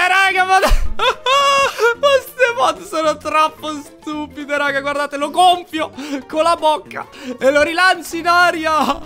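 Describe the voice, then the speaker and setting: Guy yelling and muttering through his gameplay commentary, voice jumps all over, bright and sharp. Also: sits high. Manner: excitable, exclaiming, quick swings between shouts and mutters. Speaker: gaming YouTuber.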